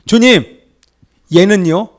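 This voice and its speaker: Sermon aside: male preacher playing a whiny, prying disciple, pitched high. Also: takes it slowly. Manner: whining, pleading questions. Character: whiny, nosy disciple Peter pleading.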